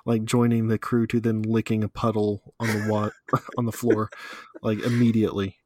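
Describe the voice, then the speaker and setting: A man's voice: on the low side, little pitch movement, normal speed, a little mellow, no room sound. A man co-hosting a podcast, chatting casually and teasing his co-host with dry humour. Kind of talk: casual chat about an anime.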